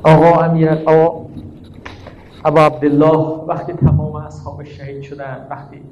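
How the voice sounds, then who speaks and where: A man delivers a mourning sermon with impassioned storytelling and chanted recitation, his fairly high voice warm and mellow. He swings between loud cries and hushed prayer. The recording is echoey and dull, with faint ambience behind him. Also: level tone. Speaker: preacher.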